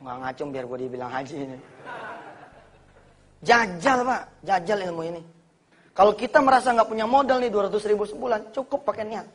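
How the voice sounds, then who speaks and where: A high-voiced man delivers a lively sermon. He jokes, slips into street slang and acts out little quoted exchanges as he talks. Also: fairly quick, pauses often. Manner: animated, jokey, mixes in slang and acted quotes. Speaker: preacher. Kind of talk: lively sermon to a live audience.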